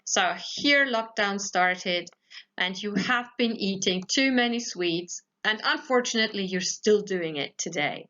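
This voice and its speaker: A woman's voice: medium pitch, unhurried, sharp tone. A woman teaches English grammar in a recorded lesson for schoolchildren. She goes patiently step by step and keeps checking that her pupils follow. The voice-over sounds a little dull and lo-fi. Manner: patient, explains step by step, often checks with "okay?".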